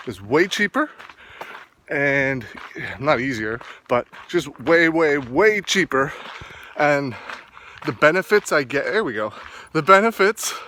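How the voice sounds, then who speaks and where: Man, bright forward voice, casual halting vlog talk, outdoors with faint background noise. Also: on the high side. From east coast of Canada. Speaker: fitness vlogger. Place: outdoors, walking in the sun.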